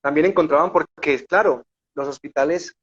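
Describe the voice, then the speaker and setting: A fervent man with a Colombian accent tells his story in a slightly high voice, earnest and emotional, often turning to his listeners for agreement. The recording is a little dull and lo-fi. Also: moderate pace, a bit bright, slightly rough. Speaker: guest sharing a faith testimony. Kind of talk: conversational storytelling.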